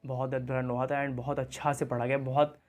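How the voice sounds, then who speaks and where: A man's voice: mid-range voice, level tone, fairly quick. A young man hosting a reaction video, explaining things in casual commentary and mixing English words into his talk. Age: young adult.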